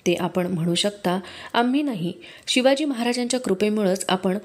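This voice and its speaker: A woman's voice: mid-range voice, normal speed, natural voice. A woman reading the lines of a proud male royal envoy who speaks formally and defiantly. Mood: stern.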